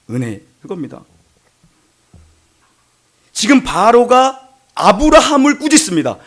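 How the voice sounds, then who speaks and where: Middle-aged male pastor, high voice, chatty sermon storyteller who drops to near-whispers. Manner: conversational storytelling, voices quoted people; swings from loud emphatic to hushed asides. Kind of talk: Sunday sermon.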